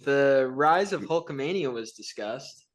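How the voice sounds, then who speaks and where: A man's voice: mid-range voice, lively intonation, measured pace. A man co-hosting a podcast in casual chat, blunt and joking with crude language. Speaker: podcast co-host.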